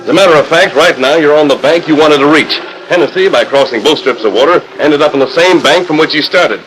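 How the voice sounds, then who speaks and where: An actor playing an assured masked hero of the West in a 1940s radio drama, speaking with precise authority. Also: male voice, on the high side, quick pace, fairly bright tone, a little hiss or hum, lightly acted, rough recording. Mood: assured, commanding. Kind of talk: 1940s radio Western acting. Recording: 1940s radio transcription disc.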